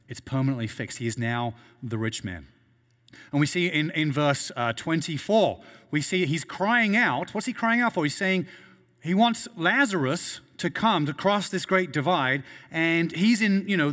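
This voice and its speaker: A man's voice: fairly high pitch, a bit bright, big-room sound. A man preaching a sermon as a pastor, earnest and emphatic, often repeating words as he builds each point.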